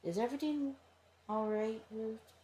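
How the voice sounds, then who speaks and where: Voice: mid-range voice, unhurried, warm tone, pitched above the performer's own voice, natural voice. A fan reader voicing a curious young woman roommate in an audio fanfiction reading, asking pointed questions in a roomy recording. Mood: concerned. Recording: roomy with faint background noise.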